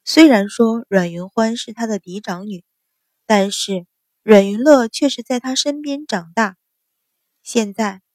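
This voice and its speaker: A woman narrating a storybook in a steady, expressive way. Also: on the high side, dry recording, clean studio sound. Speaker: audiobook narrator. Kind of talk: scripted narration.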